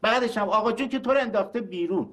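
A man's voice: sits high, fairly bright tone. An actor playing a self-righteous eldest brother who scolds and insults his siblings over an inheritance. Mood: lecturing. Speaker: eldest brother in a family quarrel. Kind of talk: TV drama acting.

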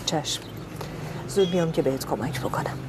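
An actress playing a caring middle-aged mother in a screen drama, gentle and motherly. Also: low-pitched, animated, background noise. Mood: tender. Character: caring mother of a grown son. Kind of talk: naturalistic screen drama acting.

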